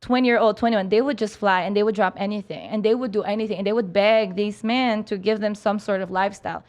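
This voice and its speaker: A woman's voice: mid-range voice, steady tone, fast talker, darkish tone. A woman guest on a podcast, talking frankly in casual chat.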